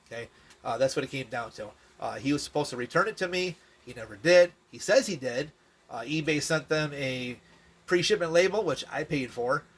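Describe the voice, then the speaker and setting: A man in a casual vlog, ranting sarcastically and in exasperation about a buyer, talking fast with many asides. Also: mid-range voice, fairly bright tone. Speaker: radio seller vlogger.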